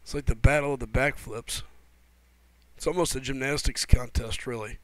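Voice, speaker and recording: Hosting a live game stream with a sore throat from a cold, a man keeps things laid-back, reading out viewer messages and calling people by name, buddy, or brother. His mid-range voice is steady and a bit bright, and he talks at a moderate pace. The recording is dry.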